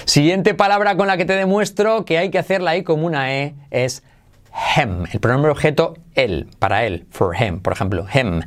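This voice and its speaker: A man hosting a podcast pronunciation lesson, energetic and drilling each word by slow repetition. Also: a little high. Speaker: English pronunciation teacher, podcast host.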